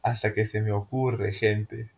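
A young man with a Peruvian Spanish accent, casually telling a party story on a podcast and acting out the dialogue in an animated, slangy way. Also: on the low side, measured pace. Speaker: podcast co-host.

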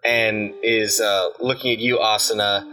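Casual game master, man, meandering narration, bright voice. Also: lowish voice, little pitch movement, unhurried. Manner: rambling, filler-heavy.

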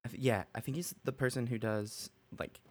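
A man's voice: mid-range voice, fairly even intonation, brisk, darkish tone, a little hiss or hum. A man co-hosting a podcast, chatting casually and rambling with many restarts, with the hiccups. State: has the hiccups. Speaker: podcast co-host. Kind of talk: casual chat.

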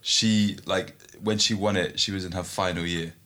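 A man with a gravelly voice chatting casually as a podcast co-host, in a hedging, conversational manner. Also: deep voice, fairly even intonation, moderate pace, fairly bright tone. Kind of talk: casual chat.

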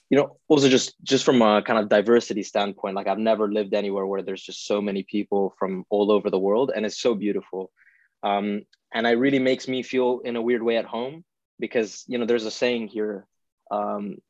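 A man's voice: fairly low pitch, darkish tone, no room sound, highs cut off. A young man from India, raised in Italy, talking as a podcast guest and explaining things with everyday examples and many "you know"s. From born in India, grew up in Italy. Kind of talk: conversational explanation.

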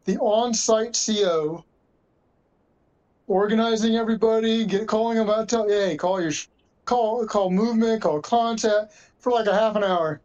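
A woman's voice: fairly high pitch, moderate pace, a little mellow. Woman chatting about her game day, bit self-deprecating, dull lo-fi sound. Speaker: airsoft player. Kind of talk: casual podcast chat. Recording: dull lo-fi audio.

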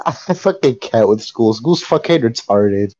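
A man's voice: mid-range voice, animated, unhurried, dark tone. A man co-hosting a podcast, telling a rambling, profane story and laughing often in casual chat. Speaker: podcast co-host. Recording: dull lo-fi sound.

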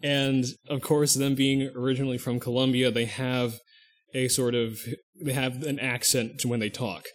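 A man co-hosting a podcast talks casually at a moderate pace, his mid-range voice barely moving in pitch. He rambles and thinks aloud, often stopping mid-sentence to restart or correct himself.

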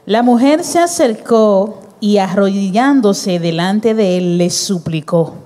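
A woman reading scripture aloud during a church service at a slow, measured pace. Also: medium pitch, expressive, dark tone. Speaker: scripture reader.

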